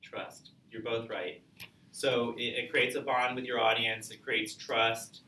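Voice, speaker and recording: A man's voice: medium pitch, flat delivery, measured pace, bright, forceful tone, far from the mic, slight background noise. A man teaching a public speaking class, lecturing conversationally and asking students questions. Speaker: college speech instructor. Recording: echoey classroom recorded from afar.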